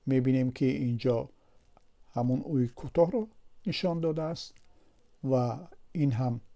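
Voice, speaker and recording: A man with a Tajik Persian accent teaches English pronunciation from a word table, moving slowly, repeating each word more than once, and posing and answering his own questions. His voice is medium-pitched and warm.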